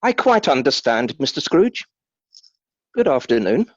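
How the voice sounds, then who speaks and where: A man playing a polite, earnest gentleman charity collector in a radio play, speaking formally and courteously. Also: medium pitch, very animated, a little slow, no room sound, muffled recording.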